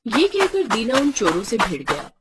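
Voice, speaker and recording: A woman narrating an animated folk story in a dramatic, expressive storytelling style. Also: on the high side, normal speed, noisy background.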